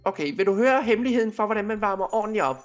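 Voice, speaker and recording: Brief: male gamer, high-pitched voice, bossy and clowning, soft music behind. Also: lively intonation. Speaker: co-player. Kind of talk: Minecraft role-play chat.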